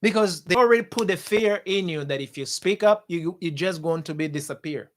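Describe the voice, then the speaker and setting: A man with a fairly high voice delivers impassioned political commentary as a talk show host. He hammers his points home with repetition and talks straight to his viewers. His voice comes through a studio mic. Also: fairly quick. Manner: forceful, repetitive, addresses viewers as guys.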